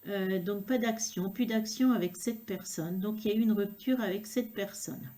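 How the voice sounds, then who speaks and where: A woman reading tarot cards to the viewer, talking unhurriedly and filling pauses with hein and euh. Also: medium pitch, mellow. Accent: regional accent, unnamed. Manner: unhurried, filler-heavy talk with frequent "hein" and "euh". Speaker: tarot card reader.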